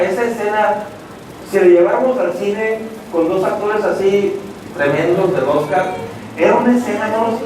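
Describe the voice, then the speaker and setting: In an echoey church hall, with the mic at a distance and some background noise, a man with a high voice preaches an evangelistic sermon. He tells stories dramatically, acts out voices and addresses the congregation as "hermanos."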